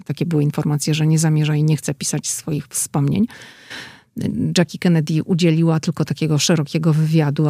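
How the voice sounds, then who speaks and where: A woman reporter talking casually and with animation about an event she attended, quick to push back in discussion. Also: deep voice, vocal fry, warm tone, no room sound, clean studio sound. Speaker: correspondent.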